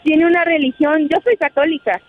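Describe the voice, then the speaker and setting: A woman calling into a radio show from a bus, speaking earnestly and softly. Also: high-pitched, steady tone, fairly quick. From Mexico. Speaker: caller. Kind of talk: phone-in conversation. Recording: tinny phone line with music.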